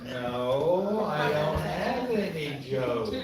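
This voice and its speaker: A man's voice: a little high, animated, very slow. An older man bantering and joking self-deprecatingly as a club member at a meeting. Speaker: club member filling in as tail twister. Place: meeting hall. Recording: echoey hall from far off, loud background noise.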